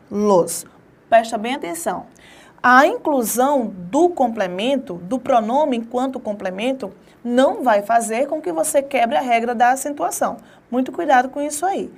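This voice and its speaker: A woman teaching a grammar lesson online, emphatic and repeating warnings to pay attention, slowing down to spell words out syllable by syllable. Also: high voice.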